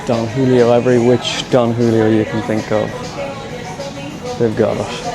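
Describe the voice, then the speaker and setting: A man's voice: mid-range voice, level tone, unhurried, over music. A man giving casual travel vlog commentary, with understated, slangy, rambling asides. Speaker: travel vlogger. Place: walking around an airport terminal.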